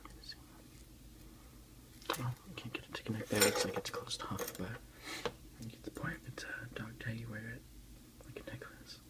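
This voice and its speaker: The speaker, an ASMR host, whispers breathily and softly through a laid-back unboxing, moving slowly with some hesitation. His voice sits on the low side with fairly even intonation, and the phone recording has poor audio.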